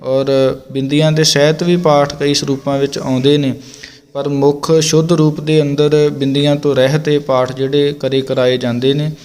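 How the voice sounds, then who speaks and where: A man teaching scripture recitation, calmly explaining pronunciation line by line and sounding out words slowly and deliberately. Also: a little high, in a large hall.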